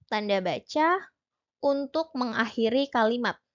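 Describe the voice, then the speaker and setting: A woman's voice: a little high, unhurried, lo-fi sound. A young woman tutor giving an exam-prep lesson, explaining each point step by step in a chatty way with many fillers.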